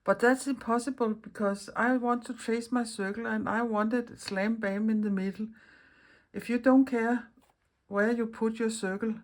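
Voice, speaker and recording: A Danish woman, hoarse from losing her voice, chatting through a hands-on stitching tutorial, thinking aloud and correcting herself mid-sentence. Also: fairly high pitch, fairly even intonation, moderate pace. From Denmark. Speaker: embroidery teacher.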